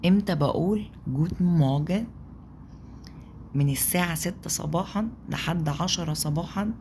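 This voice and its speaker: A woman with an Egyptian Arabic accent teaching a German lesson, patiently repeating words slowly to drill pronunciation. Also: low-pitched, dark tone, a little hiss or hum. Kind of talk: explanatory language lesson.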